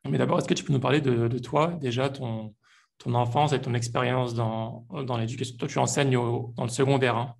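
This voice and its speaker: A man hosting an interview podcast, calm and polite as he welcomes his guest. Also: medium pitch, fairly quick, gravelly. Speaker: podcast host. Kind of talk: casual interview talk.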